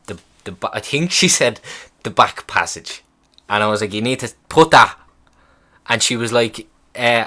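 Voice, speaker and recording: A young man casually telling a story on his podcast, swearing freely and acting out what people said. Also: on the low side. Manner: profane, animated retelling of a hospital visit. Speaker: podcast host.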